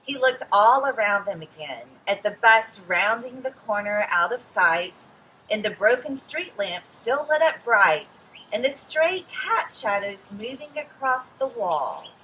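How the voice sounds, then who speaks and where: A woman hosting a children's read-aloud expressively reads a picture book, addressing young listeners and pausing for asides about the pictures. Her voice is mid-range, and the rough recording has a little hiss or hum.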